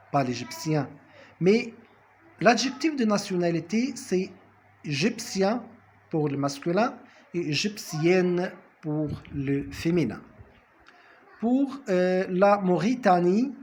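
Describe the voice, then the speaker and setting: A man teaching a French lesson, speaking deliberately, repeating words and correcting himself with fillers. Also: a little high, darkish tone. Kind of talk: language lesson.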